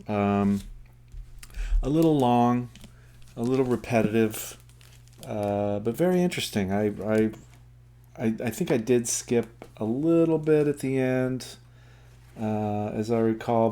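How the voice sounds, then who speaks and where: A man giving a casual book review, halting with many fillers and self-corrections, and reading passages aloud in a steady, measured way. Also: mid-range voice.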